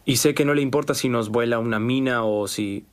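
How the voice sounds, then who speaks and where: An actor playing an earnest captive soldier in a Latin American Spanish film dub, addressing a superior with deferential insistence. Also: male voice, mid-range voice, brisk, lightly acted. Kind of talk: dubbed film acting.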